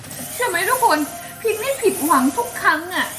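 A woman's voice: very high-pitched, very animated, normal speed, echoey room, distant mic, music in the background, rough recording. A woman with an Isan accent chatting to viewers as she plays an online slot game, giggly and coaxing the game aloud. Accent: Isan (Northeast Thai). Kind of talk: casual chat to viewers while playing.

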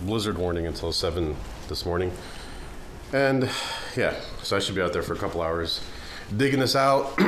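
A man in his forties chatting casually to a handheld camera in his garage, rambling and easygoing. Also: lowish voice. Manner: rambling, easygoing, restarts sentences. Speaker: family vlogger. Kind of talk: casual vlog chat. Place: garage at home, indoors. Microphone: handheld camera close to face. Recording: noisy home camera audio.

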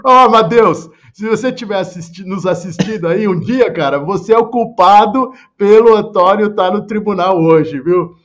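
A man's voice: sits high, normal speed, hardly any pauses, dull audio. A man hosting a live-stream interview, asking questions in a chatty, encouraging and teasing way. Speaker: host, exam-prep teacher.

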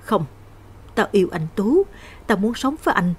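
A woman voicing a vengeful, lovesick young woman ghost in a spoken horror story, shrill and pleading. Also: very animated, normal speed, breathy edge. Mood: anguished.

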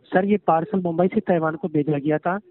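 Over a tinny, narrowband phone line, a scam caller posing as a courier agent follows a call-centre script, formal and repetitive, calling the listener "sir" constantly. His voice is on the high side, fairly even in intonation and fairly quick.

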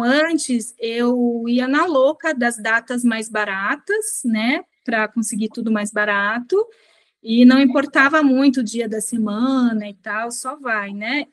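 A woman in her thirties chatting on a video call as an interview guest, relaxed and reflective, often ending lines with a quick tag question. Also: a little high, no echo. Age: 30s. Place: small bedroom indoors. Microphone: laptop webcam on video call.

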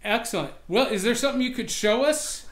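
A man's voice: very high voice, animated, a little fast, a bit bright, a little hiss or hum. A man hosting a road-trip video, introducing a shop and its owner with upbeat enthusiasm. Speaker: show host. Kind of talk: casual vlog hosting.

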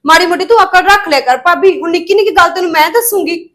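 A woman's voice: extremely high pitch, fast, a bit bright. An actress playing a spoiled young married woman who scolds her sister-in-law and finds fault with everything. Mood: scolding. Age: young adult. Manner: scolding, sulky, fault-finding. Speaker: actress in a village family drama.

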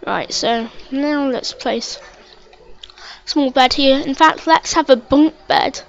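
A woman's voice: high-pitched, slow pace, gravelly. A woman giving casual, stammering narration of a let's play, repeating words and chatting to the game as she plays. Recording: dull lo-fi mic with faint hiss.

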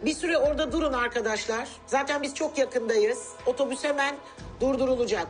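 Calm woman host directing a prank. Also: high voice, brisk, soft background music, a faint crowd. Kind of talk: giving instructions and commentary.

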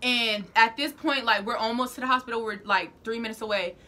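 Young woman, storytime vlog, slangy and animated, bright, slightly high voice. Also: brisk. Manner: acts out quoted lines. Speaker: vlogger.

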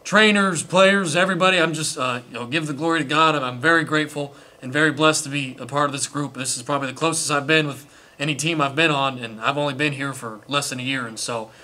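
Earnest young man, bright voice. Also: fairly high pitch, quick pace. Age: young adult. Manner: earnest, grateful, many restarts. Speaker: college quarterback. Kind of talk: post-game press interview. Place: indoor press room before sponsor backdrop.

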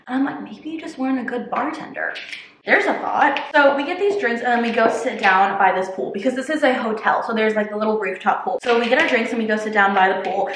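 A woman's voice: a little high, a bit bright. A woman in her twenties chatting animatedly about a bad date while baking in her home kitchen, full of "like" and acted-out quotes. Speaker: lifestyle vlogger. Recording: echoey kitchen with faint background noise.

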